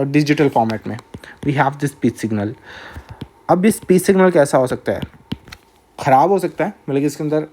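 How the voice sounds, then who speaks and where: A man with an Indian accent giving a recorded lecture, speaking slowly and deliberately, often pausing to check in with listeners. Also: fairly high pitch, a little mellow. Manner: slow, measured, with frequent filler checks.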